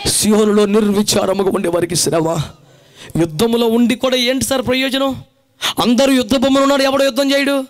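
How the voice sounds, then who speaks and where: A male pastor with a Telugu accent preaching a fervent sermon in a colloquial style, urging the congregation to respond aloud. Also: very high-pitched. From India. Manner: colloquial, dramatizing biblical characters in everyday speech.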